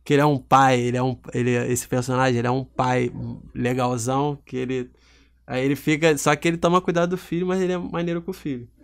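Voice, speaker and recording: A young man with a Brazilian accent rambling through a joking pitch for a film in a prank phone call. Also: fairly even intonation, fast talker, clean tone. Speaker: YouTuber.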